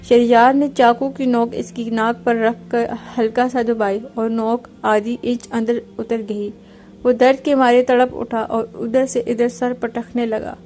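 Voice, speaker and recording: A woman narrates a novel in a steady, even reading. Her tone is mellow and quite flat, sitting a little high.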